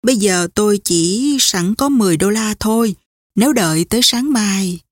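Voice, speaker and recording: A woman reading a calm, terse middle-aged husband who speaks slowly and evenly, in an audiobook. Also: mid-range voice, no echo, studio quality, lightly acted. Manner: calm, slow, level.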